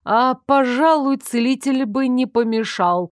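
A woman reading an audiobook voices a sharp-tongued, disapproving older female archivist who talks bluntly and scornfully. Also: medium pitch, moderate pace, dry recording, clean studio sound, natural voice. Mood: pained.

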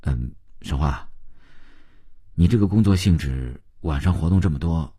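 A man's voice: low-pitched, brisk, dark tone, breathy edge. A man reading as a smitten company boss. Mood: hesitant. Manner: earnest, tender, a little flustered. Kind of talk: audiobook character reading.

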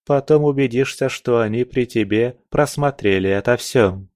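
A man's voice: medium pitch, normal speed, darkish tone, no echo, clean studio sound, pitched above the performer's own voice, close to an everyday voice. A man voicing a stern young woman agent who gives curt, decisive orders in an audiobook. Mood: firm, commanding.

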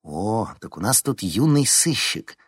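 A man's voice: lowish voice, very animated, a little slow, slightly rough, dry recording, clean studio sound, heavily acted. A man voicing a cold, mocking female reporter.

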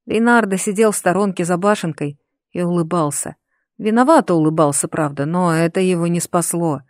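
Expressive audiobook narrator, dry sound. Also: mid-range voice, brisk, no echo. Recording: dry close recording.

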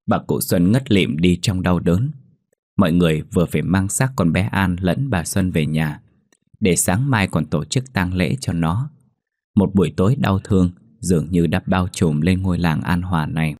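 A man narrating a ghost story in a slow, somber, dramatic way. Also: deep voice, a little mellow, dry recording, studio quality.

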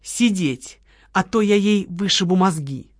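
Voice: measured pace, dry recording, clean studio sound, lightly acted. A narrator voicing a vengeful young woman who hisses threats and barks orders at gunpoint in an audiobook. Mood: barking orders. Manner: low hissing threats, barked orders. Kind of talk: audiobook character voice.

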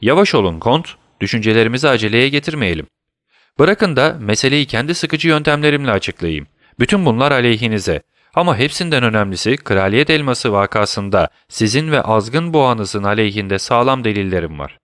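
Sherlock Holmes, alaycı ve soğukkanlı dedektif bir erkeğin sesiyle. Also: male voice, mid-range voice, a little fast, no room sound, clean studio sound, natural voice. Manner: calm, teasing, commanding. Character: cool, mocking male detective, middle-aged. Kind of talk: audiobook character voice.

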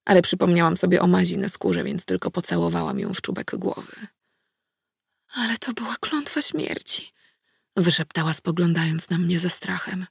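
Woman audiobook reader, first-person novel, gravelly husky voice, acts out the dialogue. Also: on the low side, lively intonation, brisk, dry recording, clean studio sound. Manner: acted, voices dialogue dramatically. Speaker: audiobook narrator.

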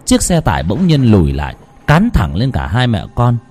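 A man narrating a ghost story in a dramatic, hushed storytelling manner. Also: medium pitch, huge pitch swings, normal speed, faint music behind.

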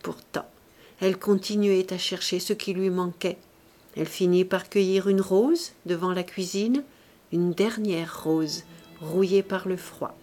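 A woman reading a classic novel aloud as an audiobook narrator, in measured and expressive storytelling. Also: lowish voice, soft background music.

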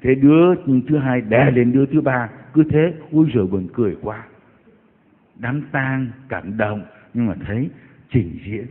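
A man preaches in a mid-pitched voice, telling anecdotes and punctuating them with mocking exclamations. His words carry a long church reverb. The recording sounds narrow and tinny, like a phone line. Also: unhurried. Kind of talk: sermon. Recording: echoey hall over tinny broadcast line.

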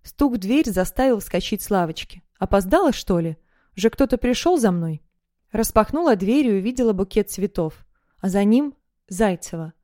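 A woman narrating an audiobook in the first person, in a lively, conversational way. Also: medium pitch, normal speed, no echo, studio quality.

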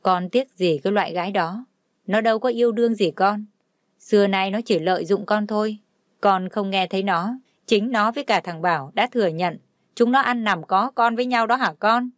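A woman's voice: medium pitch, moderate pace, dry recording, studio quality, lightly acted. A woman voicing an anxious middle-aged mother who scolds and pleads. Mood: scornful.

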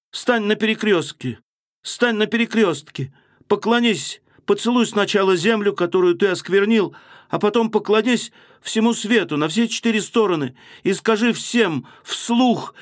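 A man's voice: high voice, very animated, unhurried, fairly bright tone, pitched above the performer's own voice, exaggerated voice. A man voicing a pious, fervent young woman in a literary audiobook reading, imploring and pleading.

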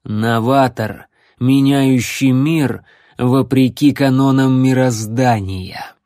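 A man doing a slow, mocking necromancer. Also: medium pitch, fairly even intonation, dark tone, dry recording, studio quality, lightly acted. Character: smug, sarcastic immortal male necromancer. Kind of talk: audiobook character voice.

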